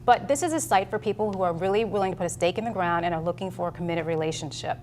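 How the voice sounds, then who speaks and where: Fast-talking woman pitching her site. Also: a little mellow, a little hiss or hum. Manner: fluent, pitching, asks "right?" often. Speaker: company founder guest. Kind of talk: interview answers.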